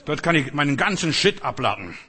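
Man doing a young hippie, fervent and loud, in a big echoing hall. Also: on the high side, big pitch swings, a little fast, husky, heavily acted. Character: newly converted young male hippie praying.

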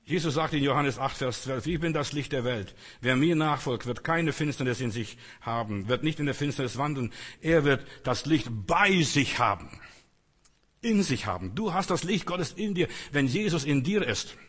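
Husky preacher in a big hall. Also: male voice, medium pitch, animated, normal speed, fairly bright tone. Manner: fervent, direct address with Bible quotes. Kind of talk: sermon. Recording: long reverb in a large hall.

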